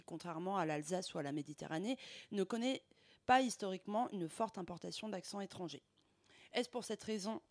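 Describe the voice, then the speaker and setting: A woman's voice: on the low side, darkish tone. A young woman, speaking as a panellist on a discussion show. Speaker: panellist and presenter. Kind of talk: casual chat and prepared explanatory segment.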